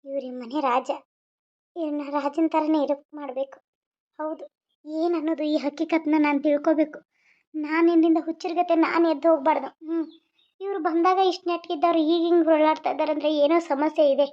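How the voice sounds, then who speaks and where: A woman's voice: high-pitched, steady tone, brisk, close to an everyday voice. A woman voicing an anxious but caring young newlywed queen in a cartoon, fretting to herself and coaxing her husband. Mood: worried. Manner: frets in whispered-style asides, coaxing to her husband. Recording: dull lo-fi audio.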